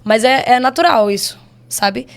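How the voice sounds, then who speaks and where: A woman's voice: fairly high pitch, expressive, normal speed, gravelly. Brazilian woman poet chatting reflectively. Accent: Brazilian Portuguese. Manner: reflective, with frequent soft laughs. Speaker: guest poet. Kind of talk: casual podcast conversation.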